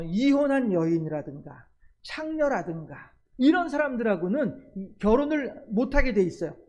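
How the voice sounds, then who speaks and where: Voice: medium pitch, darkish tone. A pastor delivering a sermon in a conversational storytelling manner.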